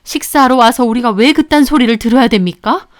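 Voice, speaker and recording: A woman's voice: on the high side, brisk, no room sound, studio quality, natural voice. A woman voicing a hurt, indignant mother who firmly demands an apology. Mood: demanding. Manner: firm, pleading.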